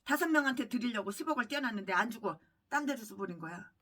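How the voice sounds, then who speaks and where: A woman pastor delivering a furious, abusive sermon, swinging between shouting and low muttering. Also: expressive, fast talker, husky, far from the mic. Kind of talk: ranting sermon.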